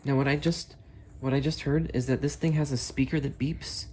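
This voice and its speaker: In a noisy amateur recording backed by storm ambience, a man reviews weather radios for video. His mid-range, darkish voice stays fairly even and keeps a normal pace as he, an eager hobbyist, chats with friends and rambles to camera.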